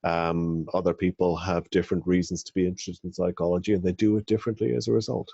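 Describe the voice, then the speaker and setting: A middle-aged man with an Irish accent, a psychology academic answering interview questions in a measured, thoughtful way, often pausing with ums and restarting phrases. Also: low voice, flat delivery, vocal fry, warm tone, husky, no echo, muffled recording. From rural Ireland.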